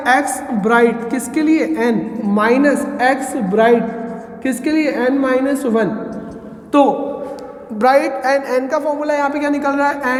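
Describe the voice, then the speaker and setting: High-voiced man lecturing in echoey hall. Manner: asks questions and answers them himself. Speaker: physics teacher. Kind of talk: classroom lecture deriving formulas. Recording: roomy echo with long reverb.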